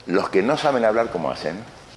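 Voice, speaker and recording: A man giving a lecture on communication, animated and acting out quarrels in his examples. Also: on the low side, fairly quick.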